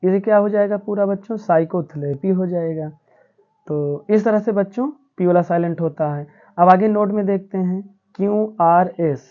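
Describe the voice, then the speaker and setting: A woman's voice: on the low side, moderate pace. A woman teacher explaining English spelling rules to students in a patient, repetitive classroom manner. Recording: tinny phone-like audio.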